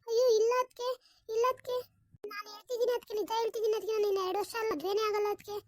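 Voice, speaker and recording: A woman's voice: extremely high pitch, steady tone, rapid-fire, crowd noise. A woman voicing a tearful, meek young unmarried village woman in a cartoon, pleading and denying. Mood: insistent. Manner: pleading, denying, repeats "akka". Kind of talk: cartoon voice acting.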